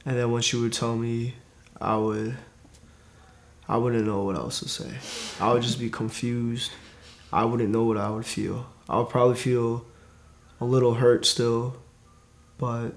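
A teenage boy with a middle-pitched voice answers interview questions in a studio. He speaks plainly and a little hesitantly, in short, simple sentences. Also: a little hiss or hum. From born in Korea, raised in New York. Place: studio against grey backdrop.

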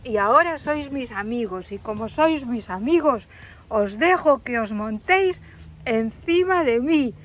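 A woman voicing a gentle, kind mother bear who soothes and reassures in a toy-play story. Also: a little high, expressive, measured pace.

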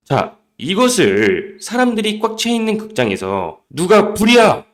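A man presenting scripted crypto market commentary, emphatic and full of rhetorical questions. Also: on the high side.

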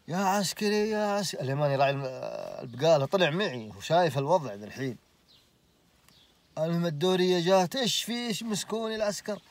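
A man in his late twenties with a Saudi accent, telling a personal story casually, animated and full of oaths. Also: mid-range voice. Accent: Saudi Arabic. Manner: animated, swears oaths, laughs through the story.

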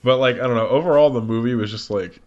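A young man with a stuffy nose, co-hosting a casual podcast, talking bluntly, swearing a lot and laughing easily, in a room with a high ceiling. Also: fast, a crowd in the background. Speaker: podcast co-host. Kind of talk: casual chat. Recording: dull lo-fi mic in a reverberant room.

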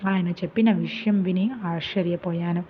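A woman narrating a first-person story in a steady, plain manner, with a tinny phone-like sound. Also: fairly low pitch, normal speed, slight background noise.

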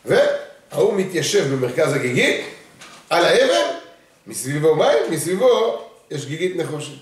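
Brief: male rabbi, animated sermon storyteller, distant mic, very echoey study hall. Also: a little high. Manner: animated storyteller, acts out voices.

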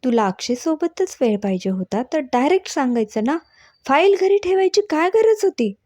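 A woman's voice: fairly high pitch, expressive, normal speed, dark tone, no room sound, voice pushed up. A woman voicing a strict, businesslike young woman with a firm, scolding manner in a storybook reading.

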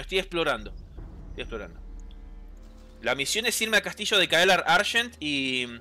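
A man with a Rioplatense Spanish accent giving chatty, excitable gameplay commentary, reading game lines aloud and answering chat. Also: on the high side. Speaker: gameplay streamer.

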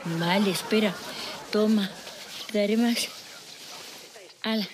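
An actress playing a huffy, stingy housewife. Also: female voice, mid-range voice, steady tone, slow pace, a little hiss or hum, close to an everyday voice. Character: stingy middle-aged housewife, naive and huffy. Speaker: sitcom wife. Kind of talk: sitcom acting.

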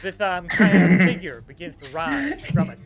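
A man with a Boston accent narrating a tabletop game as game master, describing the scene slowly with small hesitations. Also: high voice, sing-song, creaky, music in the background.

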